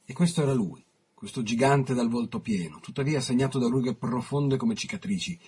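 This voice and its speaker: A man on the radio reading his own written interview aloud, measured, with dramatic pauses. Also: mid-range voice, a little mellow, husky.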